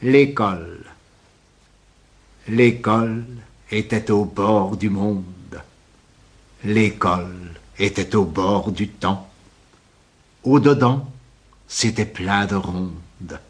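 Slow husky older man reciting poems. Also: on the low side. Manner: slow, measured, lilting verse delivery. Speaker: poet reading his own poems. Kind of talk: poetry recitation.

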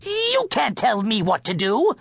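A man playing a shrill, spoiled king. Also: wildly swooping pitch, slow pace, vocal fry, slightly rough, no echo, heavily acted. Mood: indignant. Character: spoiled petulant young male king.

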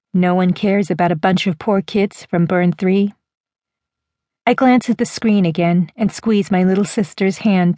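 A woman narrating a first-person audiobook in a measured, even storytelling manner. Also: medium pitch, no room sound, clean studio sound.

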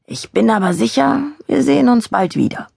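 A woman voicing a polite male customer in an art gallery, who speaks in a smooth, courteous, flattering way. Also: a little high, moderate pace, dry recording, clean studio sound, voice pushed up, heavily acted.

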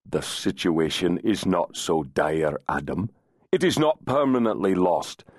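A stern, proud Scottish laird, voiced by a man narrating an audiobook, with a Scottish accent and a clipped, restrained growl. His lowish voice stays tightly held. The recording is close and dry. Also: expressive, unhurried, darkish tone, dry recording. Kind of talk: audiobook character voice.

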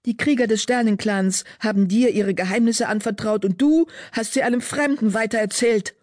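A man voicing a proud, quick-tempered female cat leader who talks sharply and indignantly. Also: sits high, expressive, a little mellow, no echo, studio quality, voice pushed up. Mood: angry.

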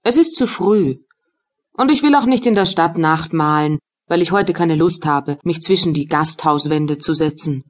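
A woman's voice: deep voice, normal speed. A woman voicing a tired, distracted young man in an audiobook, speaking curtly and absently with a faintly plaintive tone. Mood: weary. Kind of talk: audiobook dialogue reading.

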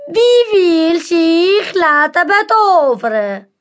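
A woman's voice: very high-pitched, animated, pitched above the performer's own voice, full character voice. A woman voicing a sly, theatrical male circus magician in a children's storybook, drawing out every word like a showman. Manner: slow, drawn-out, showman's delivery. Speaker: audiobook narrator.

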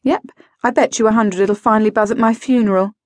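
A woman voicing a bitter, sardonic 45-year-old wife and mother who is seriously ill, speaking dryly with sharp outbursts, in a dry close recording. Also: mid-range voice, lively intonation, moderate pace, husky, dry recording.

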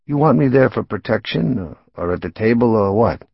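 Man voicing an anxious, gravelly mob captain. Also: on the low side, animated, moderate pace, no echo, dull audio, voice pushed up, full character voice. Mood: wary. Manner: nervous, self-deprecating. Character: worried middle-aged male mob captain.

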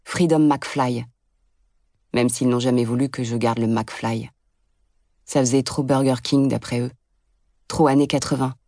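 A woman's voice: very deep voice, fairly even intonation, measured pace, long pauses, mellow, no room sound, studio quality. A woman reading an audiobook as a blunt, sardonic first-person narrator.

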